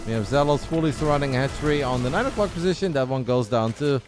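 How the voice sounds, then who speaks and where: A man's voice: medium pitch, fast. Chatty male esports caster over game music. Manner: chatty, excitable, says mate and guys. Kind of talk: solo play-by-play commentary. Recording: game music clearly behind the voice.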